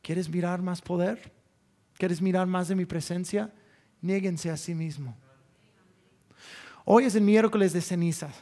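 Brief: male pastor, high voice, candid self-deprecating sermon storyteller. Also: fairly even intonation, unhurried, pauses often, mellow. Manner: candid, self-mocking storytelling with quoted prayers.

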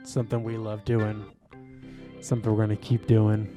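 Music plays behind a young podcast co-host whose voice is on the low side, speaking at a moderate pace. He rambles through casual chat with many fillers and swear words. His delivery is animated and wandering.

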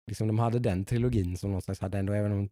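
A man's voice: lowish voice, steady tone, warm tone, dry recording, studio quality. A man chatting casually as a podcast host, hesitant and full of restarts, who slips English phrases into his talk. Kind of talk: casual chat.

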